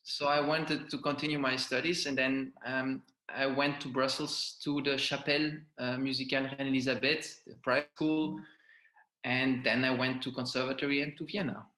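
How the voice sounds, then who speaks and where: A young Belgian man talks about his training in a bright, forward voice. He speaks haltingly, restarting his phrases often. The room around him rings with noticeable echo. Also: mid-range voice, flat delivery. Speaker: violinist guest. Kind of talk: interview conversation. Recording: roomy echo.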